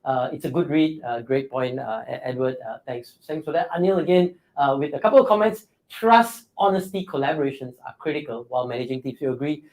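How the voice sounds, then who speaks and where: A man's voice: mid-range voice, a little fast, few pauses, a little mellow, low-quality recording. Male host of a live interview, encouraging, reading out comments, lots of uh and you know. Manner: encouraging, affirming, many fillers.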